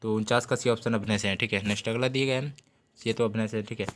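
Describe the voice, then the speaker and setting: Fast-talking man running a quiz class. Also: fairly low pitch, steady tone, a bit bright. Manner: quick, repeats "theek hai" constantly. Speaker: exam coaching teacher. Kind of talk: rapid GK quiz lesson.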